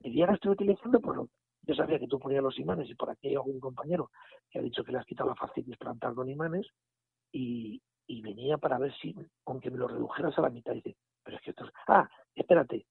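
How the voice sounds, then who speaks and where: A man, telling a story in a casual, animated way and acting out the dialogue. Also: mid-range voice, fast talker, gravelly, slightly rough, no echo. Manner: animated retelling with quoted dialogue and restarts. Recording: phone line audio.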